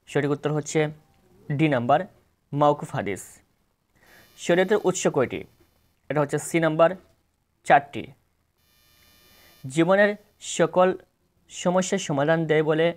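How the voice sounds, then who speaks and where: A man tutoring for exams, speaking with a Bangladeshi Bengali accent, recites multiple-choice items and answers steadily and plainly, fixing his mistakes now and then. He has a fairly high pitch.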